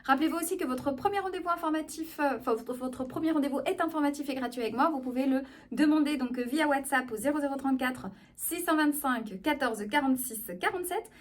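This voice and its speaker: A woman speech therapist giving an explanatory video lesson on voice, lively and often checking in with her listeners. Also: sits high, fast talker.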